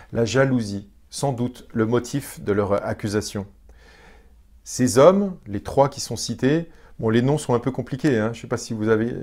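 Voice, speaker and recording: Guy preaching, chatty, keeps asking the crowd stuff, lots of restarts, mid pitch. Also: darkish tone. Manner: conversational, asks the congregation questions; frequent restarts and hesitations. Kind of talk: sermon.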